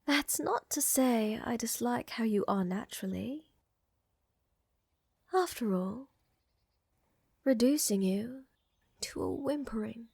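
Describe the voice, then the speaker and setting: In an intimate ASMR roleplay, a woman voices a refined vampire countess: tender, seductive, gently dominant, and a protective lover devoted to her partner. Her soft, very breathy voice sits a little high and often drops to a whisper as she lingers over each phrase in a flirtatious, teasing, exaggerated delivery. The close, dry mic picks up no room sound.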